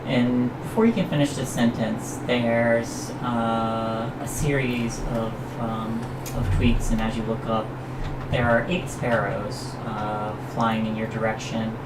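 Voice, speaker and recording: A woman working as game master, improvising tabletop narration in a halting way as she searches for words. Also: extremely low pitch, little pitch movement. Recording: echoey, distant, noisy room recording.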